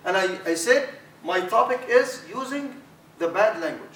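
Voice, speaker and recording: This workshop talk to trainees comes from a middle-aged imam who has an Arabic accent, delivered at a normal speed in a high, animated voice full of repeated words. He's recorded from afar in an echoey lecture room, and a faint hiss sits under the audio.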